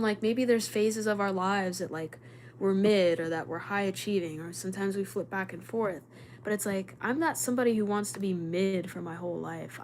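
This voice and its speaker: Young woman, livestream host, quick rambling chat, filler words, average pitch, faint background hiss. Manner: fast, rambling talk with many fillers. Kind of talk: casual livestream chat with viewers.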